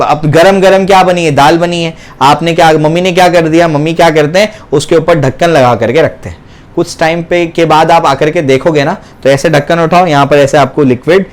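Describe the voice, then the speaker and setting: Male chem teacher, bit high voice, keeps asking "clear hai?" and answering his own questions. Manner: repeats questions and answers them himself, keeps checking understanding; uses everyday home examples. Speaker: chemistry teacher. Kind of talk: classroom lecture.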